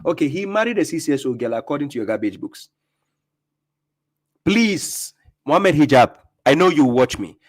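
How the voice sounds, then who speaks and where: A Ghanaian man hosting a live stream, reacting to clips with mocking commentary, laughing often and repeating himself. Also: on the high side.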